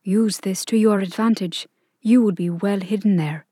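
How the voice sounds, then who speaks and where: A woman's voice: medium pitch, fairly even intonation, moderate pace, dark tone, husky, no echo, close to an everyday voice. Woman reading as a commanding fairy queen, firm, clipped, dry close sound, storybook.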